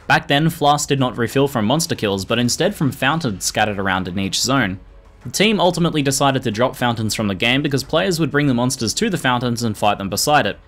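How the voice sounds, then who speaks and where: A man reading scripted video narration in a measured, informative manner. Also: medium pitch, fairly bright tone. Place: voice-over recording. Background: music.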